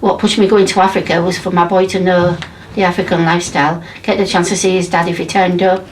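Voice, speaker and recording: A woman's voice: fairly low pitch, flat delivery, fast talker, slight background noise. A woman in her fifties from England, telling her story bluntly and emphatically in a documentary interview. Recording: distant mic with faint background ambience.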